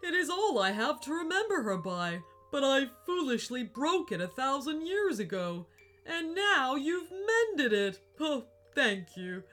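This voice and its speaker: Woman voicing a booming ghostly Viking. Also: big pitch swings, a bit bright, soft background music. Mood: tender. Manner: slow, grand and booming. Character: tall booming ghostly Viking warrior man. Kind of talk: storybook reading.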